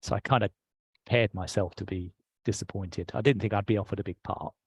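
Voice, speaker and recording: A man's voice: fairly low pitch, steady tone, a little fast, slightly rough, no echo. A middle-aged man with an English accent, a guest telling his life story in a reflective way. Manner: reflective, recounts with quoted dialogue. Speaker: interview guest. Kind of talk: personal storytelling.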